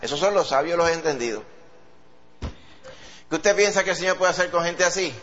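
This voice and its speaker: A man preaching a sermon with a Puerto Rican accent, animated and acting out quoted voices. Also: fairly quick. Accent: Puerto Rican Spanish. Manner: animated, acts out quoted voices in a high pitch. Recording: dull lo-fi sound.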